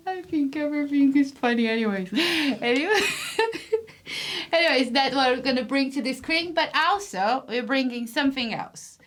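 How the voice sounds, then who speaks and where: A woman's voice: sits high, animated, measured pace, fairly bright tone. A woman from Brazil with a Brazilian Portuguese accent, co-hosting a casual podcast, playful and laughing often. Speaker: podcast co-host.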